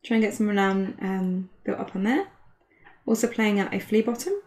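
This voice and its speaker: A woman's voice: mid-range voice, steady tone, moderate pace, a little mellow. A woman, giving casual, chatty commentary on a card game match and laughing often. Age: 20s.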